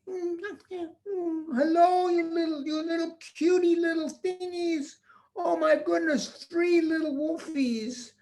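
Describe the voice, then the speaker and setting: A man voicing a tender-hearted, excitable young boy hero in a children's story, exclaiming and fretting as he coos at small animals. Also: very high voice, slow, pitched above the performer's own voice, heavily acted. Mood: cooing, worried.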